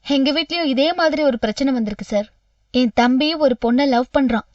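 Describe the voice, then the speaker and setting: A woman's voice: high-pitched, brisk, very noisy, natural voice. An actress playing a dutiful unmarried woman in her thirties who speaks earnestly and respectfully, in a television serial. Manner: pleading, respectful, repeatedly says "sir". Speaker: lead character in a TV serial. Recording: distant dull TV audio with background score.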